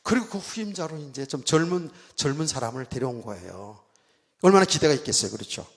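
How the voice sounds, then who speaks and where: In a church sanctuary echoing with hall reverb, a middle-aged male pastor preaches fairly quickly in a mid-range voice. His storytelling is animated, shifting from loud bursts to quiet asides, and he often asks his listeners for agreement.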